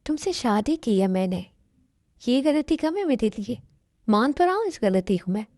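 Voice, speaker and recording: A woman's voice: fairly high pitch, sing-song, moderate pace, dark tone, dry recording, studio quality. A woman voicing a rude, dismissive young husband in a fan dub. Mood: scornful. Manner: harsh, dismissive.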